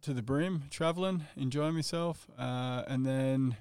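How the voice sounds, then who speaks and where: A man's voice: mid-range voice, unhurried, a little mellow, clean tone, no room sound. An Australian man in his thirties, telling his own story casually in a laconic, matter-of-fact way. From Australia, Western Sydney and the Gold Coast. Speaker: podcast guest, endurance athlete.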